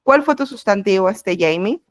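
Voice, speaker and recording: A woman's voice: mid-range voice, expressive, moderate pace, a little hiss or hum. A woman teaching an introductory French class online, explaining step by step in a patient way over a video call.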